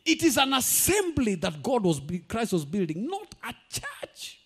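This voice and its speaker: High-voiced pastor preaching emphatically. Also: male voice, huge pitch swings, a little slow, husky. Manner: emphatic preaching, rising to shouts, drops into Swahili asides. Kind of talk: sermon.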